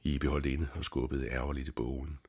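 Very deep, husky male storyteller. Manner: steady storytelling reading. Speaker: narrator. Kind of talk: scripted audiobook narration.

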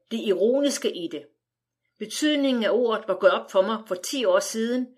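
A woman narrates a first-person audiobook. Her delivery is wry and measured, and she tells the story steadily. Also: mid-range voice.

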